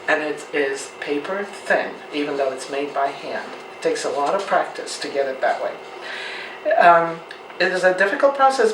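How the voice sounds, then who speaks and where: Woman home cook, patient demo voice, distant mic in an echoey room. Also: low voice. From Turkey. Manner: patient, explanatory, homely. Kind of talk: cooking demonstration. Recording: roomy, distant mic, faint noise.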